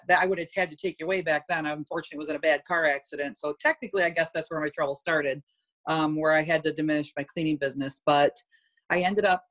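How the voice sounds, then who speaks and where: A woman's voice: sits low, fairly bright tone. A middle-aged woman, a guest in an interview, telling a personal story candidly and animatedly.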